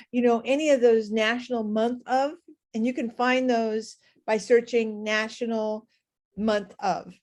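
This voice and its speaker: A woman's voice: fairly high pitch, darkish tone. A woman with a Californian accent co-presenting a social media workshop, enthusiastic, with frequent fillers. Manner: enthusiastic, lots of fillers and restarts. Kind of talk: casual workshop talk.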